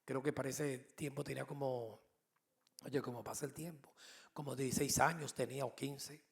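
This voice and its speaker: A middle-aged male pastor preaching a sermon, telling personal stories with humor and lively delivery. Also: mid-range voice, normal speed, vocal fry. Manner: animated storytelling with humor.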